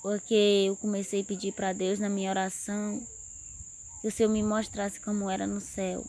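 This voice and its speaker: A woman's voice: mid-range voice, monotone, moderate pace, a little mellow. A woman earnestly telling a personal religious testimony. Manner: earnest storytelling, rising intensity. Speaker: testimony speaker.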